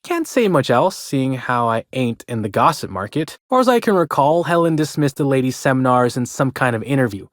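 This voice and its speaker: A man's voice: mid-range voice, big pitch swings, a little fast, hardly any pauses, dry recording, clean studio sound, natural voice. A man voicing a chirpy, chatty old-fashioned hotel bellhop in a video game, with a folksy American way of talking. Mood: gossipy, chirpy. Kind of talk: video game character dialogue.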